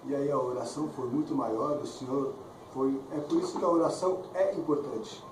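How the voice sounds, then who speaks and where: A man's voice: medium pitch, fairly quick. A man preaching a conversational sermon, often tagging his sentences with "né?". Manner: conversational preaching, frequent "né?" tags. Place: church hall. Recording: echoey church, far mic, clear background noise.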